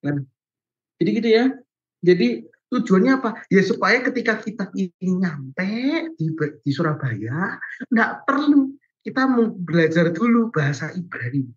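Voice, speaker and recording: A man's voice: fairly high pitch, a bit bright, husky. Chatty young man teaching over a video call. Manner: chatty and informal, many fillers like "gitu" and "guys", laughs often. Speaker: Bible class teacher. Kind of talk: casual online Bible lesson. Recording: muffled video call audio.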